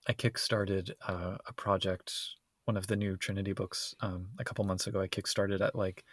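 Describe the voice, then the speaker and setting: A man's voice: low voice, level tone, moderate pace, no echo. A man co-hosting a podcast in casual conversation, recorded inside a closet at home. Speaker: podcast co-host.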